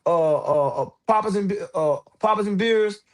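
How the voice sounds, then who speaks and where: Man, high-pitched voice, livestream headset audio, slangy casual talk, fired-up. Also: moderate pace, over a noisy crowd. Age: adult with several children. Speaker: livestream host.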